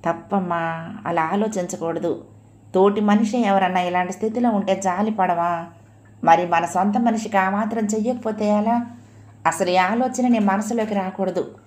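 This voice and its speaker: A woman reading an audio novel, voicing a gentle, long-suffering aging mother in a hushed, pleading tone. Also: medium pitch, fairly even intonation, moderate pace, lightly acted. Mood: hushing.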